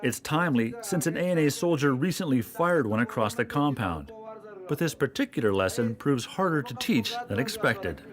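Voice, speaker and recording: A man reading scripted documentary narration in a calm, measured way. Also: medium pitch.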